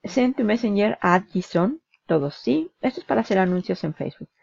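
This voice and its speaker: A woman reviewing marketing software in a casual screen-share walkthrough, talking the viewer through a comparison table with frequent fillers. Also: medium pitch, lively intonation, a little fast, creaky, breathy edge, dry recording. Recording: dull lo-fi dry recording.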